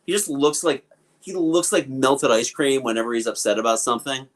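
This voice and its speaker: In a casual film-review chat on a podcast, a male co-host riffs and offers plenty of opinions and fillers. His mid-range voice keeps a fairly even intonation and moves fairly quickly.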